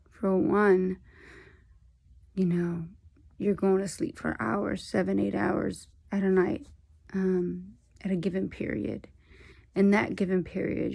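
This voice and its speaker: A woman speaking in a casual video diary, weary and halting, her speech labored by a sore throat after surgery. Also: mid-range voice, creaky, mellow, breathy edge. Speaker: patient vlogging surgery recovery.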